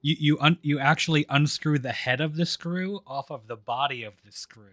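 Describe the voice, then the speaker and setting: A man's voice: fairly high pitch, normal speed, a bit bright, no echo, studio quality. A man streaming a game, chatting casually and ranting sardonically. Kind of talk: casual gaming stream chat.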